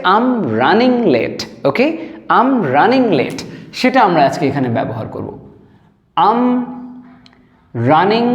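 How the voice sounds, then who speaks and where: A man teaching a spoken English lesson, patiently explaining and repeating phrases slowly word by word. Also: sits high, lo-fi sound. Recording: echoey room with long reverb.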